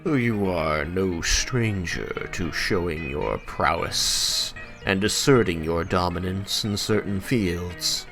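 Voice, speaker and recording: A man voicing a suave, grandiose fae marquis in a formal, unhurried baritone for a tabletop game. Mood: smooth, tempting. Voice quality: deep baritone. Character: suave grandiose fae marquis, smooth deep-voiced tempter. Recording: music playing behind the voice.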